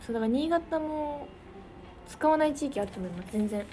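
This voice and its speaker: With a high, dark-toned voice and lively intonation, a young idol livestreamer speaks fairly quickly in a Niigata Japanese accent. She chats casually with her fans, giggling and naming viewers as she thanks them. The recording has a noisy background.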